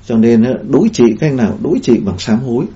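A man's voice: medium pitch, lively intonation, quick pace, dark tone. A man giving a Buddhist dharma talk in a rambling way, with many fillers and restarts. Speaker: Buddhist teacher. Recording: dull lo-fi recording.

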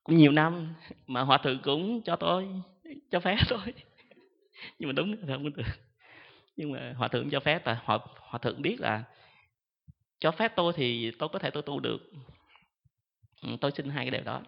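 A male Buddhist monk gives a relaxed, self-mocking talk, pausing often on a drawn-out "à". His voice has a gravelly edge. The sound is dull and lo-fi, with a long echo from a large hall. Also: fairly high pitch. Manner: chatty, self-mocking, fills pauses with drawn-out "à". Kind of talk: storytelling dharma talk to an audience.

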